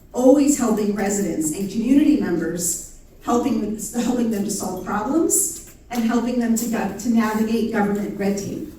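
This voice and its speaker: A woman giving a formal, measured campaign introduction as a candidate at a debate. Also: fairly high pitch, darkish tone. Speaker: political candidate. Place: indoor public debate venue. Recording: distant, very echoey room, faint noise.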